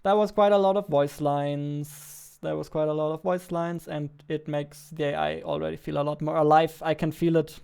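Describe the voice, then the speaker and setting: A game developer in his twenties livestreams from a small indoor room with a dark backdrop, chatting informally and playfully into a close studio mic on a boom arm. His voice is a little high and gravelly, with a darkish yet clean tone.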